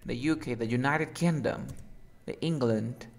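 A man teaching an English lesson, coaxing a student and drilling words slowly with exaggerated English sounds. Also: mid-range voice, gravelly, a little hiss or hum.

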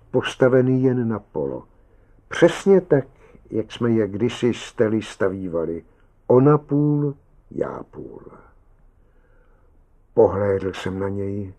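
Low-voiced man narrating a short story. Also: mellow. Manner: measured, with long pauses between phrases. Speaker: audiobook reader.

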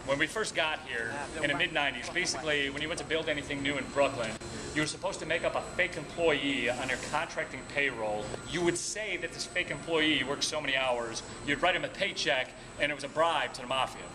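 Speaking a little fast in a fairly high voice, a male tour guide entertains his group with relaxed, humorous tales, laughing at his own stories in everyday language. The setting is a noisy room where music sometimes plays.

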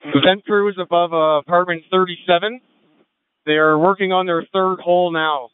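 A man speaking as a fire incident commander over two-way radio, giving brisk procedural orders in urgent firefighter radio traffic. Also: sits high, steady tone, smooth, no room sound. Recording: tinny narrow-band two-way radio.

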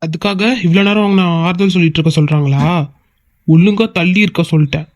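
A man's voice: a little high, fairly even intonation, fast, darkish tone, dry recording, lightly acted. A man voicing a bossy young man in a cartoon who scolds his friend. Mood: scolding. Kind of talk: cartoon voice acting.

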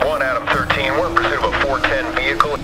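A man's voice: mid-range voice, flat delivery, fast, heavy background noise. An actor playing a male patrol officer in a car chase, reporting in clipped procedure over a police radio. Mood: terse. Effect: police radio transmission. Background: loud game music.

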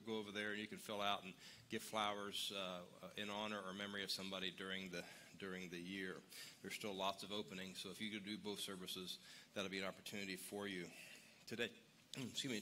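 Church guy doing the announcements, super bright punchy voice, rambly and jokey, a little faint hiss. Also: fairly low pitch. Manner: chatty and rambling, joking with the congregation. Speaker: pastor giving church announcements. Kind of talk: casual announcements to a congregation. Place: church service before a live congregation.

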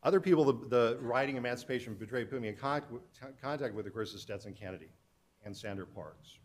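A man's voice: medium pitch, fast talker, a little hiss or hum. A middle-aged man, a historian and author, giving an earnest public talk to an audience, telling stories with frequent restarts.

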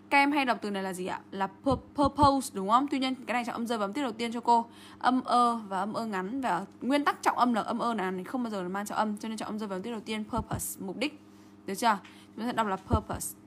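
An upbeat female English teacher with a high voice walks through exam answers, lively and constantly checking in with rhetorical questions. There's a faint hiss in the audio.

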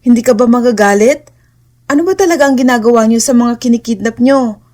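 A woman's voice: a little high, brisk, darkish tone, lightly acted. A woman voicing a frightened but defiant young female captive who pleads and argues emphatically. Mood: indignant.

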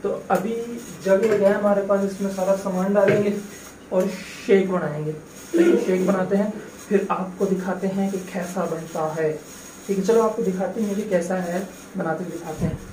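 A young Pakistani vlogger with a high, steady voice talks at a normal speed as he makes a shake in his home kitchen, then waits in his car at a drive-through. His casual vlog chat is easygoing and chatty, and he calls his viewers "brother." It's captured as noisy handheld phone audio.

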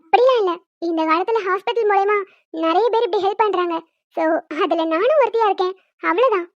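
Sharp-tongued young wife, very high and quick, voiced by a woman, dry sound. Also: no echo, lo-fi sound. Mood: gentle. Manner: scolding, quick commands. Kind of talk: Tamil cartoon dubbing.

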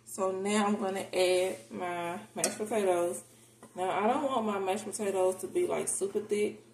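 Casually and candidly, an American home cooking vlogger chats with viewers while cooking in her kitchen at home. Her medium-pitched voice has a darkish tone, steady delivery, and normal speed, and the roomy kitchen adds noticeable background noise.

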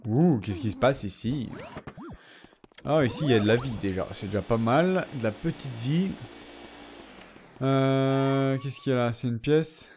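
A young man giving casual gameplay commentary, chatting to the characters on screen with sudden excited outbursts. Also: medium pitch, a little slow, long pauses, slight background noise. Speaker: let's play gamer.

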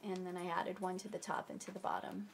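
A woman with a lowish voice talks quickly in a level tone, with a faint hiss or hum in the recording. She hosts a crafting channel and gives a casual tutorial at her table, walking through each step in a chatty, friendly way while sometimes searching for words. She sounds stuffy and under the weather from a cold.

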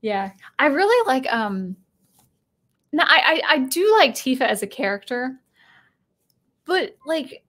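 Sounding tired, a woman rambles on a live stream in a high, sing-song, fairly bright voice, reading the chat and restarting her thoughts often. She's unhurried, leaving long pauses, and she interrupts herself and chuckles as she goes.

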